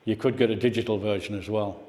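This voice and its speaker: A man with a lowish, mellow voice speaks at a quick pace in a steady tone, giving an informal talk as a guest speaker at a club. He's conversational and reminiscing, and he puts questions to his listeners. It was recorded indoors in a club meeting room with an echoey, hall-like sound.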